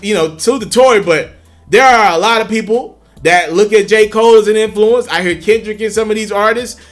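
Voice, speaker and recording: A man's voice: high voice, sharp tone. A man giving blunt, slangy hip hop commentary in a casual conversational way, sounding out of breath. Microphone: earbuds.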